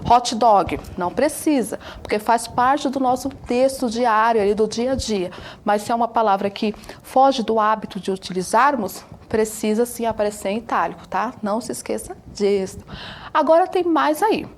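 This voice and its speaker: A woman's voice: fairly high pitch, normal speed, a little hiss or hum. A woman with a Brazilian accent teaching a televised school lesson from a studio, explaining patiently and often checking in with her listeners. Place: broadcast studio.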